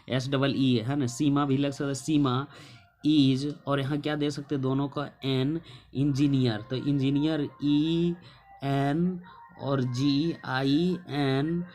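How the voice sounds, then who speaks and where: A male English teacher, explaining a lesson slowly, spelling words letter by letter and asking and answering his own questions. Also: medium pitch, a little mellow. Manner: slow, drawn-out dictation of spellings. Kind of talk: classroom lesson explaining translation.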